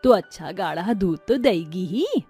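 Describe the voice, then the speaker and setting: A woman voicing a gentle older village mother in a cartoon story, speaking low, slow and soft. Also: very animated, husky, soft background music, exaggerated voice. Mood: calm.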